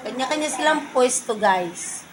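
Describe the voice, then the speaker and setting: A woman's voice: high-pitched, animated, normal speed, noisy background. A woman filming a casual vlog of her pets, calling and cooing to them by name. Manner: coos and calls to her pets. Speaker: pet vlogger.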